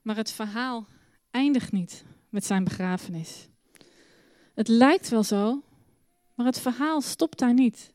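A woman telling a Bible story to children in church, with a lively, expressive storytelling manner. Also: a little high, no echo.

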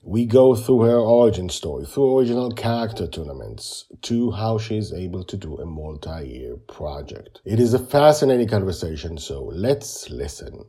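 A man hosting a podcast introduction, his voice raspy, worn out and hoarse from the flu. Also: deep voice, sing-song, normal speed, hardly any pauses, dark tone. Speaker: podcast host.

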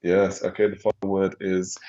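A man's voice: sits low, monotone, moderate pace, dark tone. A man co-hosting a gaming podcast in laid-back casual chat, chuckling and trailing off. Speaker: podcast co-host. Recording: dull lo-fi sound.

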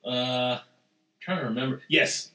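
A man's voice: measured pace, bright, forceful tone, roomy sound, distant mic, rough recording. A man co-hosting a podcast, rambling crudely through stories in casual chat. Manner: rambling, crude, acts out quotes in a high voice.

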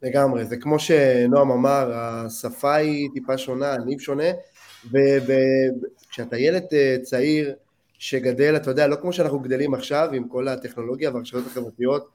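A man's voice: medium pitch, steady tone, a little mellow. Male podcast co-host, medium voice, reflective, thinks aloud with fillers. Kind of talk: casual chat.

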